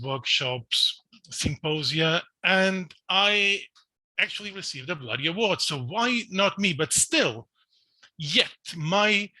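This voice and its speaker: A man's voice: on the high side, bright, forceful tone, no room sound, low-quality recording. A man from Portugal, giving an online conference talk in a self-deprecating way, often restarting his sentences. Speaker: invited speaker.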